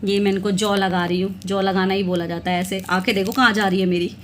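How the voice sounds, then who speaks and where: A young woman vlogger chats casually with her viewers while showing her wedding album. She talks in an easy, chatty way, breaking into laughs between remarks at a middle pitch. A faint hiss runs under the recording. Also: fairly even intonation, brisk.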